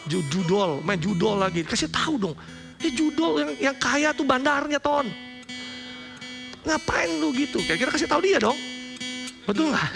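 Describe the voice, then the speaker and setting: A man with an Indonesian accent preaching a sermon as pastor, in a lively conversational style with slangy asides. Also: very high voice, normal speed, vocal fry, long pauses, music in the background.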